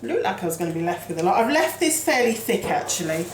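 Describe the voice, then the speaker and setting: A woman's voice: lowish voice, big pitch swings, fast, reverberant, very noisy. A woman hosting a casual home cooking show, chatty and self-deprecating, talking as she works in her kitchen.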